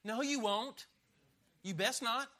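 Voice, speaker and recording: A middle-aged pastor in full sermon mode speaks slowly, his high, cutting voice pushed and bright and ringing sharply at the top. He hammers each point home with emphatic, punchy delivery, joking with the crowd and leaning on call-and-response.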